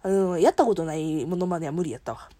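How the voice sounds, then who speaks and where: A woman's voice: fairly low pitch, lively intonation, fast, warm tone, dry recording. A woman with a Kansai accent talking alone in a playful, self-mocking, chatty way as host of a solo audio show. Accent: Kansai Japanese. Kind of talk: casual solo talk with impressions.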